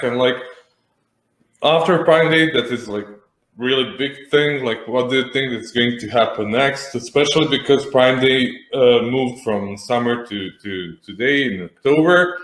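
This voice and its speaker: A man's voice: medium pitch, a little slow. A man from Serbia with a Serbian accent, hosting a casual interview in an informal, hesitant, rambling way. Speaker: host. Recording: echoey room sound.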